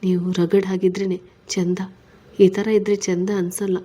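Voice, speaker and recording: A woman's voice: medium pitch, level tone, measured pace, dark tone, husky. A woman reading a story, voicing a caring young wife who coaxes and soothes her husband. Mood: coaxing.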